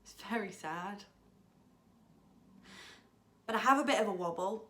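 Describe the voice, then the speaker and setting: Actress doing a chatty self-absorbed girl who's just moved out, bright tone, dramatic, monologue. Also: medium pitch, a little slow, a little hiss or hum. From England. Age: young adult. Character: young woman, self-absorbed, missing home. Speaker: actor in a monologue. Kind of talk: theatrical monologue.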